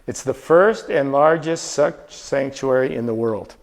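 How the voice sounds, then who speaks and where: A man's voice: medium pitch, a little slow, vocal fry. Man giving a chatty slideshow travel talk. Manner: conversational, quizzes the audience, frequent restarts. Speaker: travel presenter.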